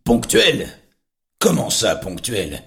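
An actor playing an irritable, suspicious doctor in an audio drama, with a gravelly voice. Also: male voice, on the low side, wildly swooping pitch, measured pace, a bit bright, heavily acted. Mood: puzzled. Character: irritable doctor, middle-aged man, suspicious.

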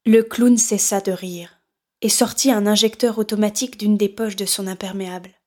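A woman reading a horror novel aloud in steady, measured scripted narration. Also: mid-range voice. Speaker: audiobook narrator.

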